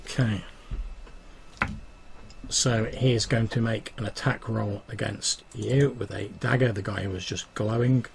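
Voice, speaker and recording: A man acting as game master, narrating a tabletop game in a halting, improvised way. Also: lowish voice, steady tone, vocal fry, a crowd in the background, poor audio.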